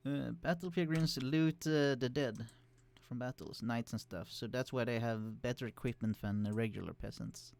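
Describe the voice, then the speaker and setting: Here a let's play host explains strategy-game units and tactics as he plays, loosely and conversationally, stopping for fillers and starting sentences over. His middle-pitched voice is steady and creaky, kept quiet so computer hum stays hidden.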